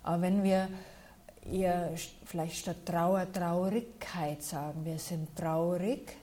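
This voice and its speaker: A woman with a low, mellow voice explains things in a measured, patient way. She answers listeners' questions as a meditation teacher. Her tone stays unhurried and steady throughout.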